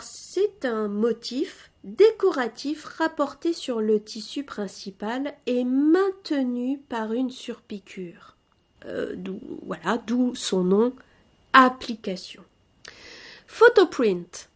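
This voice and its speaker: French woman doing a chill podcast lesson, higher voice, reads a word then explains it, jokes around a bit. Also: slow pace. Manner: reads out terms, then explains them in a relaxed, joking way. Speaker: podcast host teaching textile vocabulary. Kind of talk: casual spoken vocabulary lesson.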